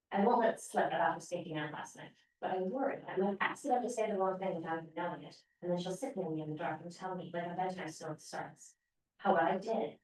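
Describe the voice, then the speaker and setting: A woman author reads from her novel at a podium in a library room, giving the story an expressive first-person telling. The room is very echoey and her voice sits some distance from the microphone. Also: lowish voice. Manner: expressive first-person reading, brief hesitations between parts. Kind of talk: reading aloud from her novel. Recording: very echoey room, voice far from mic.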